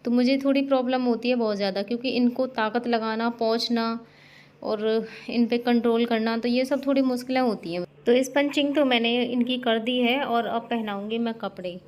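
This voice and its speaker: A woman's voice: fairly high pitch, steady tone, normal speed, a little mellow. A young woman vlogging at home, earnestly explaining step by step as she cares for her husband. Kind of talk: casual explanation to camera. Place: home room. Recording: echoey room, faint background noise.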